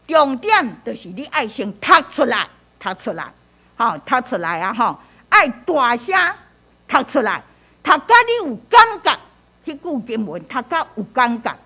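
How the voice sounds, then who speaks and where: Lively high-voiced woman teaching scripture. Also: moderate pace, husky. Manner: repetitive, peppers speech with "hoh"; reads scripture aloud with emphasis. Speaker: church Bible-study teacher. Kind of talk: teaching a Bible-reading class.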